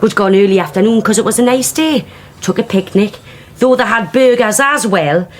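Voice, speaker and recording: A woman's voice: medium pitch, normal speed, close to an everyday voice. An actress playing Donna, a brash working-class woman from Teesside with a Teesside accent, giving a blunt, coarse and defensive witness statement in a radio drama. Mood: chatty.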